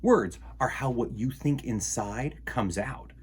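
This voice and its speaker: Slow and slightly rough in a mid-range voice, this storytime host reads a picture book to children. He speaks to the young listeners directly, playful and theatrical, with animated exclamations and gasps.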